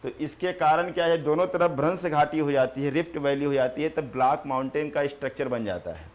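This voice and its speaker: A man teaching a geography class, repeating terms slowly for notes and answering his own questions. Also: on the high side. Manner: repeats key terms slowly for students to write.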